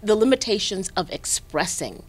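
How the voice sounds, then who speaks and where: A woman stage actor in a casual interview, animated and laughing as she talks. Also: normal speed, breathy edge. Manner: animated, laughing, jumps in pitch.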